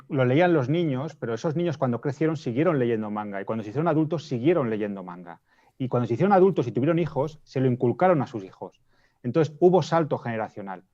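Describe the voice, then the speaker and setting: Spanish male panelist, explanatory and hesitant, mid pitch, slightly muffled lo-fi audio. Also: a little mellow. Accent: Spain. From Spain. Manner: explanatory, restates points, frequent hesitations. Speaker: debate panelist. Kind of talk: casual panel discussion. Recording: dull lo-fi audio.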